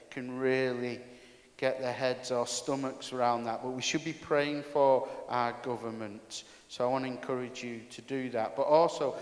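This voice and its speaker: A pastor preaching a sermon to his congregation in a chatty, candid, self-deprecating way, his voice carrying a big hall echo. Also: medium pitch. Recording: echoey hall with long reverb.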